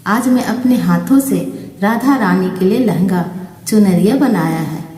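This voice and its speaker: A devout holy man of about eighty speaks with earnest, yearning devotion, as a woman storyteller puts him on. His words come slow and mellow. The sound is far from the mic in a room with a long, hanging reverb. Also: mid-range voice, close to an everyday voice. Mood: joyful. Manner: earnest, longing devotional musing. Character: devout old male saint, about eighty.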